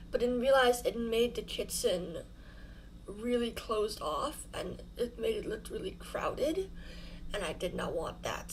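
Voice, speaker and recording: On her channel, a young female YouTuber chats casually about a home build, rambling, giggling and poking fun at herself while her mouth is still sore from new dental fillings. Her voice sits on the high side, and the low-quality recording carries a faint hiss or hum.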